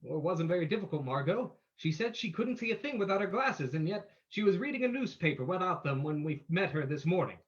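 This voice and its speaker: A man's voice: high voice, very animated, brisk, few pauses, dull audio. An actor playing a suave, menacing male vigilante detective in an old-time radio drama, with a theatrical, explanatory manner. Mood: confident, explaining.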